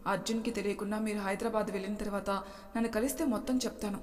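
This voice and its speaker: A woman's voice: medium pitch, fairly even intonation, racing, darkish tone, natural voice. A woman voicing Chanti, a shy flirting village man. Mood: polite. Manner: polite, shyly flirting. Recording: long hall reverb.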